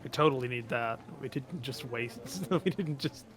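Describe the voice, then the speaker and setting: A man's voice: mid-range voice, a crowd in the background. A man playing a tabletop game, joking and laughing often as he narrates his character. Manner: giggly, quick to laugh. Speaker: player.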